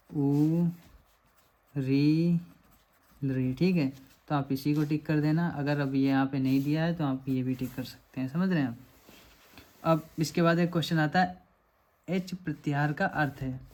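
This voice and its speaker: A fairly high, slightly mellow male voice leads a lecture, solving quiz questions step by step. He explains patiently and keeps confirming comprehension with phrases like "samajh rahe hain aap".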